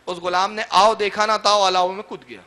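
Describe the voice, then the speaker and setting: A male preacher telling a story in a sermon, building from calm narration to impassioned proclamation. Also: high voice. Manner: dramatic, rising to impassioned proclamation.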